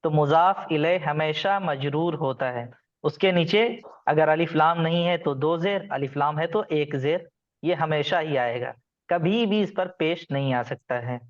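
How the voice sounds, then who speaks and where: A man teaching a class, his voice a bit higher than most men's. He explains rules patiently and quizzes his students by name. The sound is dull and lo-fi. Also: unhurried. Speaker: Arabic grammar teacher. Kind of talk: online class lecture.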